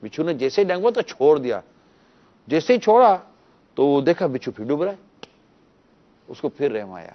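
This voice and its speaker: A man's voice: on the high side, sing-song, pauses often, dull audio. A man speaking as a religious scholar on a TV panel, earnestly pleading with viewers and teaching through parables.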